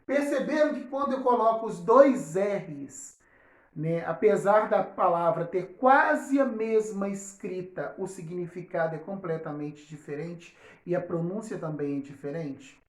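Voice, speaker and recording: Slow, patient woman teacher in a roomy space. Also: on the low side. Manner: slow, deliberate, spells out example words and checks understanding often. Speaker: primary school teacher. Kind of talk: recorded online lesson. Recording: roomy, echoey recording.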